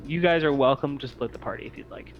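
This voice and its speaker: Acting as game master, a man narrates a tabletop roleplaying game, feeling his way through each phrase hesitantly with lots of ums. He talks fast in a medium-pitched voice. The audio is muffled and lo-fi, with background noise.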